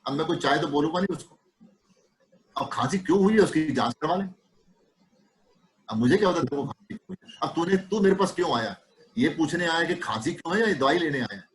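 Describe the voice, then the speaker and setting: A man lecturing students in an online class, his voice sitting a little higher than most men's. He talks in a casual, conversational way and keeps throwing rhetorical questions at his listeners. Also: a little hiss or hum, rough recording. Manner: conversational, fires rhetorical questions, acts out dialogues. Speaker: homeopathy teacher.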